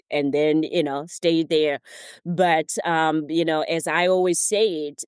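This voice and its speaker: A middle-aged woman from Zimbabwe, a therapist and motivational speaker, telling her story as a guest in a relaxed interview, laughing now and then. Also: low-pitched, clear, resonant tone, no room sound, clean studio sound. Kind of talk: casual interview talk.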